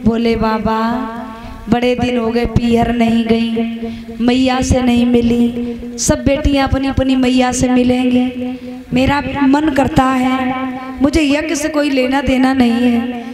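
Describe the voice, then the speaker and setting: Brief: storyteller voicing a young goddess, tearful and pleading, slow and high. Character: grieving young goddess pleading with her husband. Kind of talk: religious storytelling.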